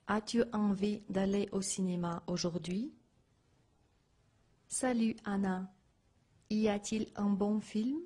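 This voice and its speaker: Mellow, husky woman reading slowly. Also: medium pitch. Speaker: dialogue reader. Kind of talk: scripted textbook dialogue.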